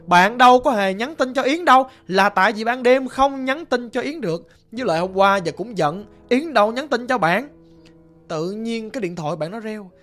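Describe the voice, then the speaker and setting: Man, Southern Vietnamese accent, ghost story narrator, chatty and animated, faint music behind. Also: very high-pitched, normal speed. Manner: chatty, animated, addresses listeners.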